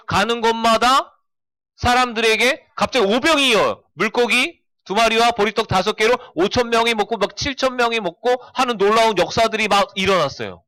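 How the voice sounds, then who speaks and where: A man's voice: sits high, bright, forceful tone, no echo. A man giving a children's sermon, constantly asking the kids questions and answering them himself. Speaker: children's pastor.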